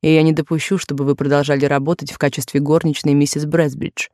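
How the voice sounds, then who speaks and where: A woman's voice: sits low, little pitch movement, quick pace, dark tone, no echo, clean studio sound, pitched below the performer's own voice, close to an everyday voice. A woman doing an insistent, possessive male suitor.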